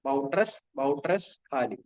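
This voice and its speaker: A man's voice: mid-range voice, lively intonation, unhurried, a little hiss or hum, poor audio. A man with an Indian English accent teaching a class, dictating notes and spelling names letter by letter, often repeating himself.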